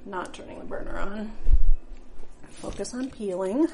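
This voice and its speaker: A woman's voice: mid-range voice, a little slow, warm tone, slight background noise. A middle-aged woman talking casually while she cooks in her home kitchen, thinking aloud and chatting as she works. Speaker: home cook. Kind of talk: casual cooking vlog narration.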